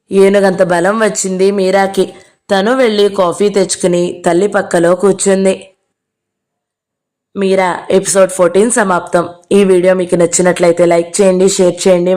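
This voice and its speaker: A woman reading a novel aloud in steady, clear scripted narration. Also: medium pitch, normal speed. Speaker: audio novel reader.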